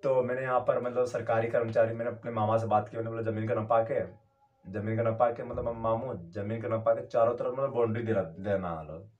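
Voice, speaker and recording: A man's voice: medium pitch, fairly even intonation, phone-quality sound. Rambling man telling a story from far off. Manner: rambling, halting, many fillers and restarts. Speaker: YouTuber. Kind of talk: casual first-person storytelling.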